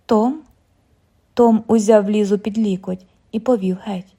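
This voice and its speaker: Woman, audiobook narration, mellow dark tone, steady storytelling. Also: mid-range voice, normal speed. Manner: reads all characters' lines with only slight voice changes. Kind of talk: scripted narration of a novel.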